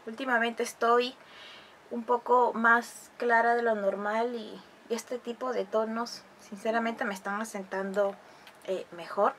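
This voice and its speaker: A woman's voice: fairly high pitch, little pitch movement, a little slow, a bit bright, slight background noise. A woman vlogger, chatting through a makeup review and tutorial, fond of diminutives. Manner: chatty, explanatory, uses many diminutives. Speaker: beauty vlogger.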